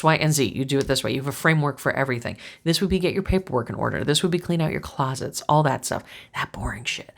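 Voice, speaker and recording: A woman giving a casual, chatty tarot reading, reassuring and repeating herself often. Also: deep voice. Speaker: tarot reader.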